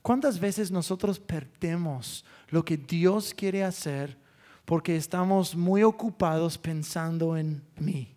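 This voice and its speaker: Brief: male pastor, high voice, candid self-deprecating sermon storyteller. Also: slow, warm tone. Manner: candid, self-mocking storytelling with quoted prayers.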